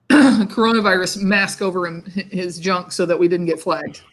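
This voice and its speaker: A woman's voice: fairly low pitch, normal speed. A woman hosting a casual livestream chat over a video call, talkative and often repeating words as she starts a thought. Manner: chatty, repeats words when starting sentences. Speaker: host.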